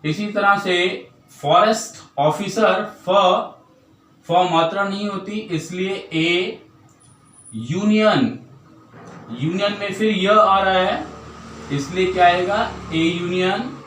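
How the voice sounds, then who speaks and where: A male teacher with an Indian accent gives a grammar lesson in a fairly high voice, taking it slow. He stretches out example words and asks questions that he answers himself. He sits back from the mic in a roomy, echoing space. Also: a bit bright, far from the mic, slight background noise. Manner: explains step by step, poses questions then answers them; drawls example words slowly.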